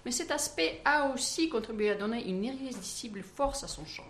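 A woman on a radio music show, mixing lively chat with emphatic readings from a book. Her voice sits in an echoey studio with faint noise behind. She teases her co-hosts between passages. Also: on the high side, fairly quick.

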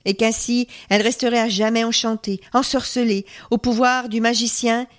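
A woman storyteller reading a folk tale aloud, expressive and dropping to a hush at tense moments. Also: a little high, normal speed.

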